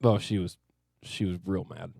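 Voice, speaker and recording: In a casual radio studio interview, a man in his thirties from Arkansas, a country singer, answers in a modest, thoughtful way. He sounds low, gravelly, and mellow, with fairly even intonation and a moderate pace, and the studio mic gives a dry, clean studio sound.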